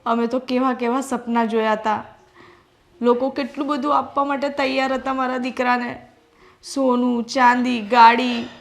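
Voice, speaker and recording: Young bride, tearful, pleading, fairly high voice. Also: female voice, little pitch movement, normal speed, gravelly. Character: young bride from a poor family, hurt and pleading. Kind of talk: family drama acting.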